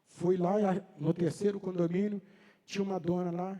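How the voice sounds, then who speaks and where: A man's voice: high-pitched, little pitch movement, a little fast, warm tone, big-room sound. A man preaching a sermon, telling a personal story in a conversational way and acting out the dialogue. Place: church hall.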